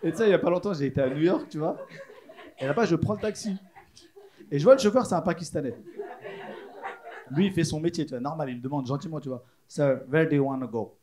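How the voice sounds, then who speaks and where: A man's voice: a little high, animated, fast talker, long pauses, dark tone. A man doing a casual, chatty stand-up routine in a comedy club. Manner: casual, chatty, lots of "tu sais". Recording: live club audience laughter.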